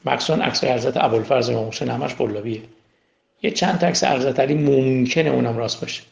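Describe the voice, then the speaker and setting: A man with a mid-range voice and some vocal fry leads a spiritual class in lecture fashion, posing rhetorical questions and repeating key words for emphasis. The recording has a roomy echo.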